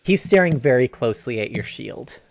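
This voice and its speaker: A game master narrating an online tabletop game, calling for rolls between frequent fillers. The voice sits at a middle pitch and comes over a home mic on a call. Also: animated, normal speed, creaky, a little mellow.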